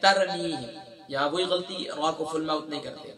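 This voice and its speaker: A man teaching a Quran recitation lesson, explaining mistakes quickly and then chanting the verses slowly and melodically. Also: a little high, a bit bright.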